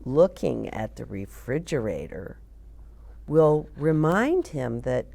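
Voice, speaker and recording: A woman reads a picture book to young children slowly, her voice creaky but lively in pitch. As the storytime host, she's expressive and chats with her listeners in asides along the way.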